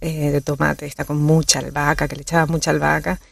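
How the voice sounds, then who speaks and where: A woman's voice: low voice, flat delivery, fast talker, vocal fry, no room sound. A woman from Colombia, a cook guesting on a radio show, who talks hesitantly and searches for her words. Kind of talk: radio interview. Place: radio studio.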